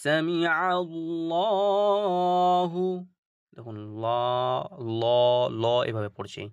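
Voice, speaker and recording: A man teaching Arabic letter pronunciation in a patient, repetitive way, often checking that students follow and stretching out example words slowly. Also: mid-range voice, a bit bright, dry recording. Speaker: Quran reading teacher. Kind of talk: instructional video lesson.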